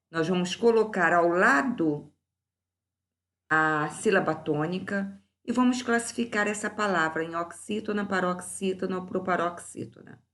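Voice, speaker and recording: A woman teacher, slow and deliberate, going through grammar exercise answers in a recorded class and drawing out each example word. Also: fairly low pitch.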